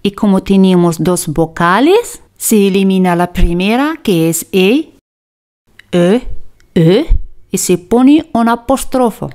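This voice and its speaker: Woman teaching french really slow, says each phrase twice, steady mid voice. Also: medium pitch. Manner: slow, deliberate, repeats phrases for drilling. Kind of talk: slow scripted language lesson.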